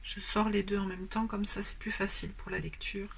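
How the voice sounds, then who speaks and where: A woman giving a spoken tarot card reading. She explains gently and pauses often, filling the gaps with hesitant fillers. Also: mid-range voice, little pitch movement, gravelly, a little hiss or hum. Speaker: tarot and oracle card reader. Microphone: camera on a stand.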